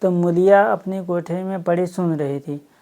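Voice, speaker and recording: A woman's voice: on the low side, moderate pace, mellow. A woman reading a story aloud and explaining it as she goes, adding asides for her listeners.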